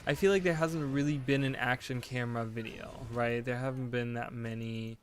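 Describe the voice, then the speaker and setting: In his late twenties, this man chats casually while streaming a game, rambling, thinking aloud and correcting himself, his speech packed with "like" and "you know." His medium-pitched voice holds a steady tone at a normal speed, with a faint hiss or hum in the audio.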